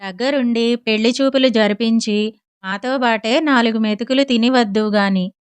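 A woman's voice: fairly high pitch, moderate pace, smooth, no room sound, natural voice. Woman reading a cunning, coaxing neighbor woman. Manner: sweet, wheedling, flattering. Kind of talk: audiobook storytelling.

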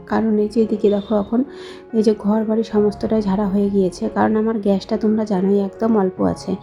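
A young woman with a hoarse voice from a cold, chatting slowly and softly to her viewers in a voice-over for her home vlog. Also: medium pitch, level tone, lo-fi sound, soft background music. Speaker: vlogger, housewife.

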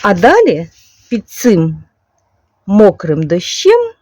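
A woman's voice: medium pitch, wildly swooping pitch, slight background noise. A woman with a Ukrainian accent, chatting casually and unhurriedly in her vlog and explaining how to draw a character. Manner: chatty and unhurried, with soft diminutives. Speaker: knitting vlogger. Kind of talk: casual chat, explaining calligraphy.

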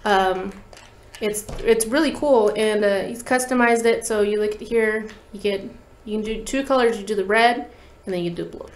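At a moderate pace and mid-range pitch, a young adult woman, a guest musician on talk box, explains things casually using slang while demonstrating in an interview. The small indoor podcast studio gives a roomy echo with light background noise through a tabletop mic.

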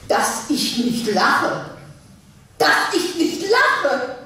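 An actress playing an unflappable, sharp-tongued middle-aged wife in a live comic sketch reading on a theater stage, talking in a dry, mocking and bossy way. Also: female voice, high-pitched, sing-song, moderate pace, slight background noise. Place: theater stage before an audience. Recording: echoey live theater recording from a distance.

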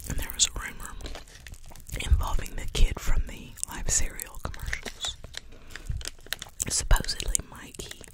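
A middle-aged woman speaks in a breathy, unvoiced ASMR whisper, right in your ear. She rambles along in an unhurried, chatty way, her mouth just inches from a condenser microphone. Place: small dark indoor room. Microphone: desk condenser mic inches from the mouth. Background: crackling, crunching candy sounds.

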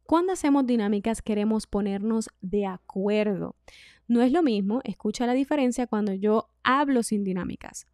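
A woman vocal coach, giving a singing lesson in a clear, instructive way. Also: fairly high pitch, normal speed, no echo, clean studio sound. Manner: clear instructive delivery, demonstrates loud and whispered speech.

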